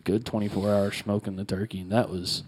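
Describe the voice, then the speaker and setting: A man's voice: on the low side, flat delivery, brisk, darkish tone, slight background noise. A man from Southern Arkansas with a Southern accent, chatting casually as a co-host and telling teasing stories. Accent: Southern American. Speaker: podcast co-host. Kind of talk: casual chat.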